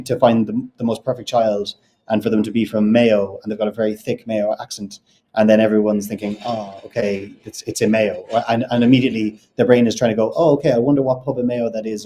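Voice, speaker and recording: An Irish film director with a neutral accent answers interview questions thoughtfully and in a measured way, often circling back to rephrase. His voice is lowish and warm.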